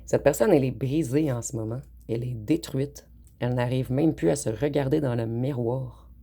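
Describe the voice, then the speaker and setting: A woman giving a calm, unhurried tarot card reading, speaking directly to her viewers. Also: rumbling low, breathy edge. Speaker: tarot reader.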